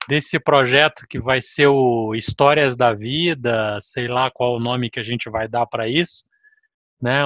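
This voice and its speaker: A man's voice: medium pitch, fairly bright tone, no room sound. A middle-aged man from interviewing his father over a video call, friendly and prompting with questions. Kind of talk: casual family interview. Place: home room with pictures on wall, indoors.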